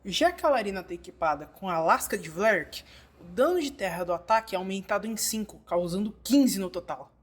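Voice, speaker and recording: A narrator speaking Brazilian Portuguese delivers a scripted game tutorial in the style of a fan dub, addressing the learner directly. The medium-pitched voice sounds animated and instructive and moves a little fast.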